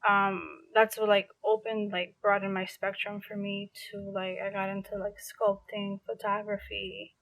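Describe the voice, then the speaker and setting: This young adult New Yorker, a podcast guest in casual interview conversation, chats with lots of "like" and frequent restarts. Her mid-range, fairly bright voice is level in tone and a little slow with few pauses, though the audio is poor and has no room sound.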